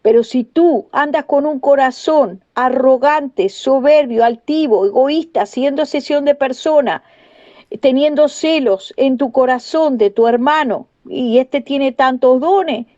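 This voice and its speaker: A high-voiced woman preaches her testimony with fervent, repetitive emphasis, speaking straight to her brethren. Her tone is soft and mellow rather than bright. The recording is dry and dull, like lo-fi audio. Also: unhurried, no room sound. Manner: fervent, repeats phrases, addresses listeners as brethren. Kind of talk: emotional sermon testimony.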